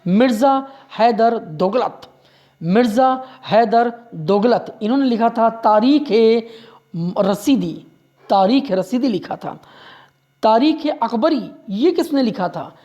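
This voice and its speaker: A man's voice: high voice, a little mellow, muffled recording. A male history teacher giving an exam-prep lecture. He repeats each fact several times, keeps urging listeners to remember it, and sometimes corrects himself mid-sentence. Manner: drills facts by repeating them.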